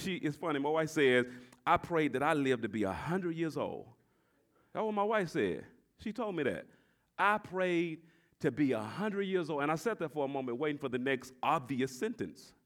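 Preaching man in his forties, loud to hushed. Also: on the high side, very animated, moderate pace. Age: 40s. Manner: swings from shouted exhortation to quiet confiding talk; repeats phrases and tells the congregation to address their neighbor. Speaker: pastor. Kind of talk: sermon.

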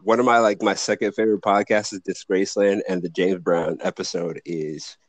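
A man's voice: sits low, fairly even intonation, a little fast, dry recording. A man hosting a podcast over a call, chatting loosely with lots of swearing. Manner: loose, profane storytelling. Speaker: podcast host. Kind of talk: casual chat.

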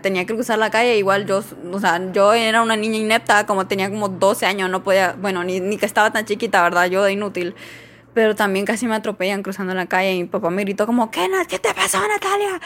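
Young woman, chatty vlogger reacting to stories, lots of fillers. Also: mid-range voice. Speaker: vlogger reading viewer stories. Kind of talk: casual chat.

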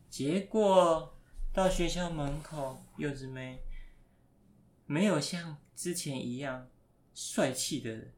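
A father telling a story to his young child, asking gentle, patient questions along the way. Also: on the high side, a little hiss or hum.

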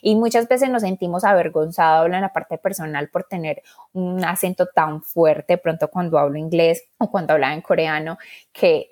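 A woman from Colombia with a strong Colombian accent, co-hosting a podcast and speaking earnestly and reflectively, slowing down to stress her points. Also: on the low side, a little mellow. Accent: Colombian Spanish. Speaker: podcast co-host. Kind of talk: casual podcast chat.

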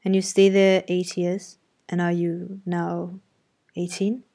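A curt, imperious middle-aged gentleman who fires off sardonic questions and blunt orders, as a woman reads him in an audiobook. The voice sits low for a woman's, and the delivery is clipped and commanding rather than gentle. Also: monotone, slow. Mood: brusque, commanding. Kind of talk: audiobook character reading.

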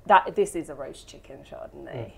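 Woman hosting a wine pod, lower voice, giggly, describes flavors a lot. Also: expressive, normal speed, vocal fry. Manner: laughs often, describes wines vividly. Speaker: podcast co-host. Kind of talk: casual podcast chat.

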